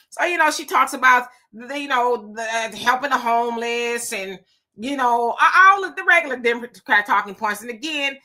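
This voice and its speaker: A woman's voice: high voice, bright, forceful tone. A woman hosting a casual political commentary show, chatty and sassy, thinking aloud with lots of asides.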